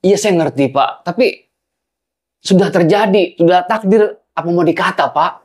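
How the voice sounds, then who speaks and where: A man's voice: high-pitched, moderate pace, a little mellow, slightly rough. A young man playing a son-in-law who apologizes and pleads with his angry father-in-law in a film. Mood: pleading. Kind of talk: low-budget film acting.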